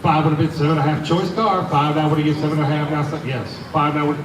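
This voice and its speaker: A man's voice: on the high side, fairly even intonation, fast talker. A man working as an auctioneer, calling bids in a repetitive sing-song chant. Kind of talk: live auctioneer chant, rattled-off repeated bids. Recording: roomy, distant, noisy live auction recording.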